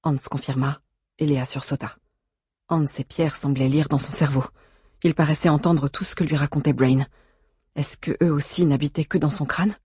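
A man reads an audiobook in a measured, steady way. His voice is husky and sits fairly high. The sound is dry and close. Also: no echo. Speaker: audiobook narrator. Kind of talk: scripted narration.

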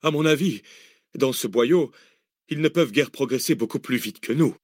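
A man reading an audiobook, voicing a calm, authoritative man who gives measured orders. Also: mid-range voice, dry recording, clean studio sound, voice pushed up, close to an everyday voice. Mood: commanding. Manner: measured, commanding. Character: calm, authoritative older man, cool-headed planner. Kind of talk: audiobook character voice.

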